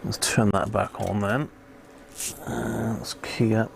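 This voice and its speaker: A British hobbyist who repairs radios hosts a livestream, offering loose commentary as he talks to himself and thinks aloud mid-task. His lowish, creaky voice stays fairly even and slow, with slight background noise.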